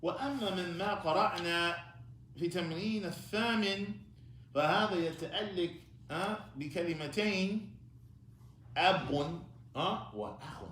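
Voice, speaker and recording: A man's voice: sits high, unhurried, a bit bright, slight background noise. A man teaching an Arabic class in a mosque, patiently prompting and correcting his students. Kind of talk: classroom lesson, mixing Arabic and English. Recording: echoey room.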